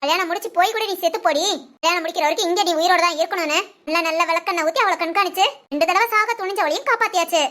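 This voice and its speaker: A woman's voice: very high-pitched, very fast, a bit bright. A woman narrating a dramatic village story, emotive and full of rhetorical questions.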